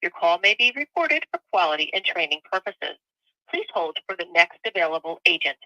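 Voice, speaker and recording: A woman's voice on a recorded phone menu, bright and clear, with a lively rise and fall. She reads automated prompts slowly, with even spaces between them. The sound is dry and close, with no room around it. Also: on the low side, dry recording, dull audio. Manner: slow, evenly spaced prompts. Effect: recorded phone menu message played over a call. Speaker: automated phone line greeting.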